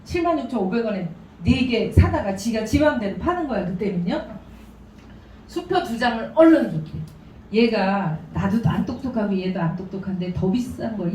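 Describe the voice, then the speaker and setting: A woman giving a business seminar talk, telling stories in an animated way with laughing asides. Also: a little high, a little hiss or hum. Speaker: seminar speaker. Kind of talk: business presentation. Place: seminar room. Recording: echoey room, distant mic.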